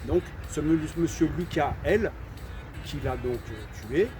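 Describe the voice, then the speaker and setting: With music in the background, a fairly high-pitched man with lively intonation speaks at a measured pace, giving his opinions as a channel host in casual talk. Raised in France with Algerian heritage, he hesitates, repeats words and keeps saying "voilà".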